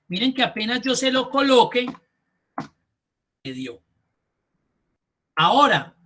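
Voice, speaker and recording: A male instructor leads an online class with a bright, clear, forward voice. He walks his students through each step and keeps asking them to look closely. He sounds like he is speaking into a computer mic on a video call. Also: high voice. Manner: explains step by step, addresses students directly. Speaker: Excel instructor.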